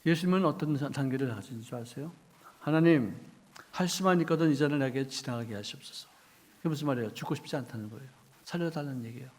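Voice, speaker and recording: A middle-aged male pastor preaching a sermon, quizzing the congregation and acting out quoted voices, with sudden swings between loud outbursts and hushed asides. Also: mid-range voice, fast talker.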